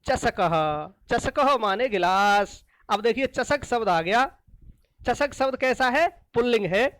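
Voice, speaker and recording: Slow, patient woman teacher. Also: a little high, a bit bright, dry recording. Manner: slow and repetitive, asks questions then answers them. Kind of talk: classroom lesson explanation.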